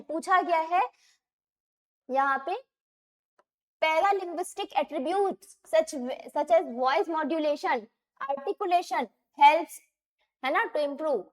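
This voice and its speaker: High-voiced woman teaching exam prep. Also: a bit bright. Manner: explains, repeats terms, asks and answers own questions; reads English questions slowly, then explains in Hindi.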